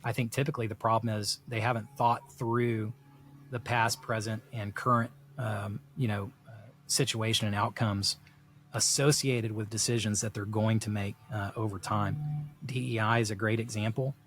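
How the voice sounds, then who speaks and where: The speaker is a middle-aged South Texan with a lowish, slightly bright voice, level in tone and at normal speed. Casually discussing ideas on a podcast, he rambles reflectively and says "you know" a lot.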